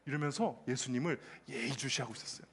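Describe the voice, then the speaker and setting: A man preaching a lively children's sermon, asking the kids questions and acting out the people in the story. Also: medium pitch, fast talker, husky. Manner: lively, asks children questions, acts out quotes. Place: church children's service.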